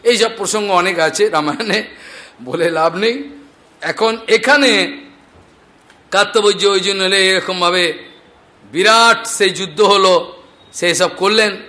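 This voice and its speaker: A man telling scripture stories as a devotional preacher, animated and acting out the characters' speech. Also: high voice, a little slow, pauses often. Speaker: Bhagavata storyteller preacher.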